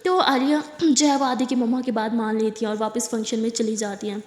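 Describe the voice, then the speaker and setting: A woman's voice: on the high side, steady tone. Chatty woman storyteller in echoey room. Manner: chatty, jokey asides. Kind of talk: casual spoken storytelling.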